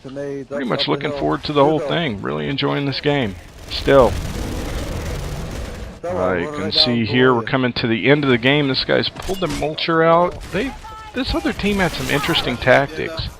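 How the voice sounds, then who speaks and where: A man's voice: mid-range voice, normal speed, gravelly. A man giving rambling, casual commentary over his own multiplayer match, full of fillers. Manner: rambling and conversational, many fillers. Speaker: gaming commentator.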